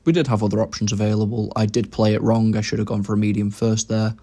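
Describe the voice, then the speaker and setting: Low-voiced man narrating his gameplay. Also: flat delivery, quick pace, mellow. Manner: thinks aloud about his moves. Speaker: game commentator. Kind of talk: casual gameplay commentary.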